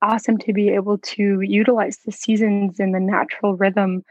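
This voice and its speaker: A woman's voice: mid-range voice, level tone, moderate pace, no room sound. A woman speaks as a podcast guest, reflective and casual, leaning on filler words. The recording is dry and a little dull and muffled. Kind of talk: casual conversation.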